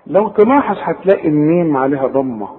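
A man with an Egyptian Arabic accent teaching Quran recitation rules, drawing out the recited words slowly and often checking that the listener follows. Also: on the high side, animated. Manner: explains slowly, then drawls recited words, asks the listener for confirmation. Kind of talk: tajweed lesson. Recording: tinny phone-like sound with long reverb.

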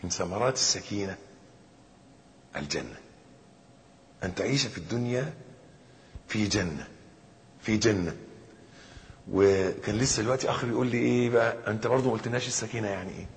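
A man with an Egyptian Arabic accent preaching a sermon, dropping to hushed reflection and then rising into loud emphatic bursts. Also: lowish voice, quick pace, pauses often. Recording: long hall reverb.

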